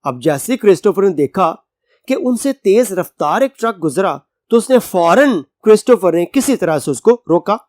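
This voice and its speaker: A male English teacher with a Pakistani Urdu accent, giving a college lecture. He reads the English lines slowly, word by word, then explains them in Urdu with synonyms and everyday examples. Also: sits high, lively intonation, a little mellow, no echo.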